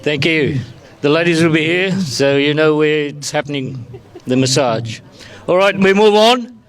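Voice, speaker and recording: A man's voice: on the high side, measured pace. A man speaking casually as a tour guide, announcing to a group at a festival.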